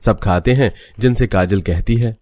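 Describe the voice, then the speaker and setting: Male narrator for an animated family tale, steady and low. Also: moderate pace. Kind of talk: scripted storybook narration.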